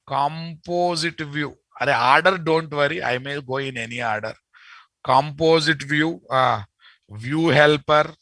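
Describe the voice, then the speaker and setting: A man's voice: on the high side, sharp tone, no echo, low-quality recording. A middle-aged man with an Indian Telugu accent, teaching an informal live online lesson as an instructor, repeating his phrases and addressing learners familiarly. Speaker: software instructor. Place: indoor room, video call.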